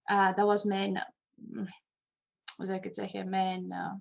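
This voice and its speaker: A woman in her thirties or forties from Romania with a Romanian accent, a facilitator talking as a guest in a casual online chat, lively and laughing, sometimes searching for words. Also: medium pitch, measured pace, gravelly.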